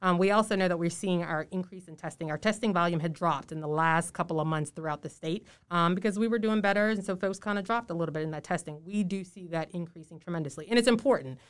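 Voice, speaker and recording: A woman speaking through a face mask as a health official in an interview, explaining in a measured way and stressing key points. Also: fairly low pitch. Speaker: public health official, podcast guest. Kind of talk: informative podcast interview.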